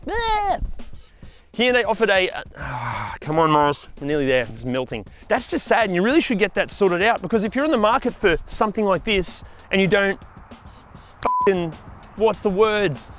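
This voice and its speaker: Lively Australian man presenting a car review. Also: sits high, moderate pace, noisy background. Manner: upbeat and animated, swears when fluffing lines. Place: outdoors beside a car.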